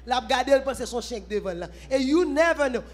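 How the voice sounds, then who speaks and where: A woman's voice: high voice, lively intonation, moderate pace. A woman with a Haitian accent leads a church prayer vigil, mixing Creole, French and English and breaking into sung worship.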